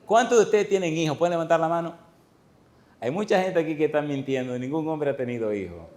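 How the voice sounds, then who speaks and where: A middle-aged man, a pastor telling stories in a sermon to a church congregation, swinging between loud exclamations and hushed, tender asides. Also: fairly high pitch, fast. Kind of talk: storytelling sermon.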